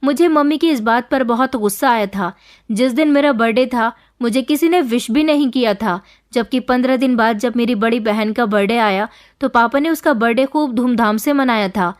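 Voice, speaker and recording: A woman reads a first-person story aloud as a scripted narration. Her voice sits a little high, and her delivery stays steady and even throughout. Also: normal speed.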